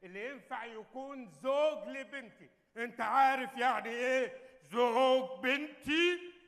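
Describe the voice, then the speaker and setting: A man's voice: very high voice, expressive, fast, a bit bright, heavily acted. An actor playing a nervous, bumbling male king in a live stage comedy, speaking with an Egyptian accent. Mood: fussy. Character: nervous, silly male king fussing over his looks. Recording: live theater hall reverb.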